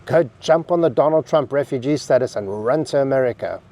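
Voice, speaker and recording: A man's voice: medium pitch, a little fast, warm tone. A South African man in his fifties with a South African English accent, giving a blunt, rambling opinion piece to camera. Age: 50s. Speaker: vlogger.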